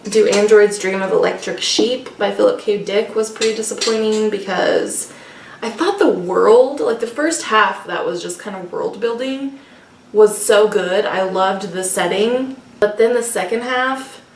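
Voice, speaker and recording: A woman co-hosts a book discussion vlog, chatting casually and unscripted and speaking hesitantly as though thinking aloud. Her mid-range voice is creaky and unhurried, picked up by a distant mic in an echoey room with faint noise.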